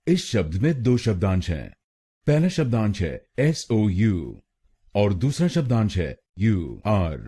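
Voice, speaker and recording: Male pronunciation tutor from India, husky low voice, lively pitch, very slow careful repetition. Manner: slow, drawn-out repetition of words. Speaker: pronunciation teacher. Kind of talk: slow instructional explanation.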